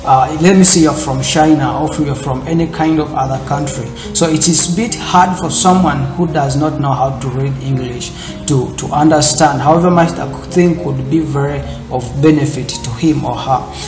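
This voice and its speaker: A man's voice: a little high, normal speed, echoey room, music in the background. A man hosting a screen-recorded tech tutorial, walking through steps in loose, repetitive phrasing with many fillers. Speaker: tutorial host. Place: indoor room, seen in corner webcam.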